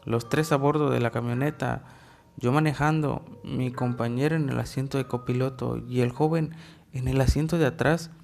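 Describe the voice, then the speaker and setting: A man narrating a first-person horror story in a measured, deliberate way with dramatic pauses. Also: mid-range voice, fairly even intonation, vocal fry, a little mellow, soft background music.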